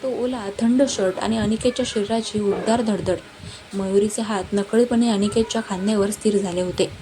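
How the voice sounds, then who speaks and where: A woman narrating a romance story in a dramatic, even-paced reading. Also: medium pitch, moderate pace. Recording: noisy background hiss.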